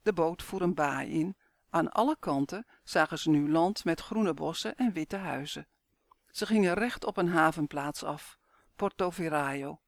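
A man reading a children's story aloud in steady, clear scripted narration. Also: fairly high pitch, a little slow, no room sound, clean studio sound.

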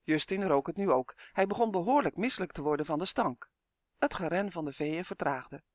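A man with a high voice narrates a children's storybook in a measured, expressive way. The recording is close and dry, with no room around it. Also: dry recording. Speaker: audiobook narrator.

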